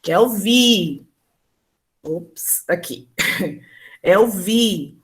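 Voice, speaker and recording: A woman presents her classroom experience to an online teaching symposium in a medium-pitched, expressive voice. Her delivery is halting, with lots of fillers and restarts, and she performs slow teacher and pupil lines.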